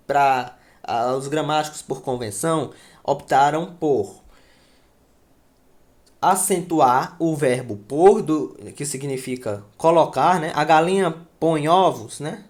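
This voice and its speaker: A man teaches grammar at an unhurried pace, repeating key words and often pausing to ask whether his students follow. His voice sits a little higher than most men's. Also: a little mellow. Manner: slow, repeats words and asks "certo?". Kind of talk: grammar lesson at a board.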